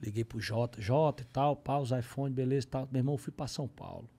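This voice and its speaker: A young man with a Ceará accent, a comedian telling an anecdote on a podcast in casual, animated style, acting out the voices of others. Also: medium pitch, fast talker. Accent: Northeastern Brazilian, Ceará. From Ceará, Brazil. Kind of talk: casual storytelling. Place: podcast studio.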